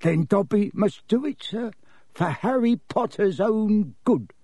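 A man's voice: high voice, expressive, takes it slowly, mellow, no room sound, pitched above the performer's own voice, full character voice. A man voicing a small, anxious and servile but stubborn male elf, pleading as in an audiobook. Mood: sad, resolute. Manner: pleading, refers to self in third person. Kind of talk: audiobook character voice.

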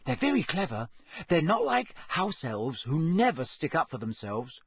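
Hermione is a man putting on a clever, earnest teenage schoolgirl with a raised, bright voice that lectures and scolds. She sounds bossy and quick to take offence. It is a dry, close audiobook recording. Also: fairly high pitch, sing-song, breathy edge, dry recording, pitched above the performer's own voice. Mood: earnest, lecturing.

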